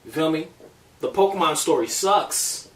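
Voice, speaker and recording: Profane, animated podcast host man. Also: fairly high pitch, moderate pace. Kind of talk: casual gaming podcast chat. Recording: roomy distant mic with faint noise.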